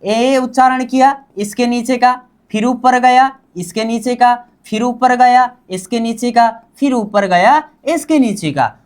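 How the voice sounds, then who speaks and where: A man's voice: very high voice, a little slow, hardly any pauses. A man teaching a Korean lesson, drilling words by repetition and asking and answering his own questions. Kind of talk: classroom lesson.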